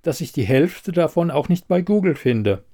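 A clipped, impatient woman investigator in an audiobook crime story, put on by a male reader. She speaks noticeably higher than his narrating voice, firing curt, pointed questions with a lively, swooping tone. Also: moderate pace. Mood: cool, clipped.

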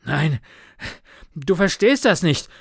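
A man's voice: fairly high pitch, lively intonation, a little slow, fairly bright tone, dry recording, clean studio sound, pitched above the performer's own voice. A man voicing a breathless, asthmatic young man who pants and gasps between his words. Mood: desperate. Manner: panting, gasping between words.

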